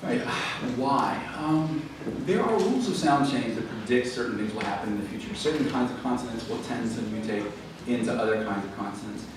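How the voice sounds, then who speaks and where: With lively intonation and a fairly quick pace, a medium-pitched male author explains his answers to audience questions at a library event. He often uses fillers and restarts himself. The echoey hall recording is far from the mic, and room noise can be heard.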